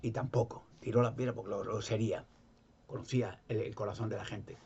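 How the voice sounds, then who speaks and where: With a Spain Spanish accent, a male storyteller casually recounts a gospel story, rambling and repeating himself in a homespun style. His fairly low voice is steady, brisk and darkish. The lo-fi audio has a little hiss or hum.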